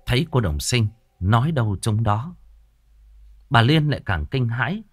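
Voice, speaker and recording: A man's voice: mid-range voice, very animated, normal speed, slightly rough, no echo. A man narrating a ghost story in a dramatic storytelling style.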